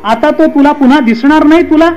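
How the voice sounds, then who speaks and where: A man's voice: very high-pitched, expressive, brisk, dark tone, dull audio. A man voicing a divine king who breaks hard news, at first hesitant and coaxing, then urgent. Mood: urgent pleading.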